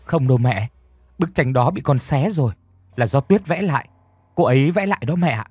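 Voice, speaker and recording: A man voicing a frightened young man who stammers and shouts. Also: mid-range voice, animated, moderate pace, husky, no echo, soft background music. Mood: urgent.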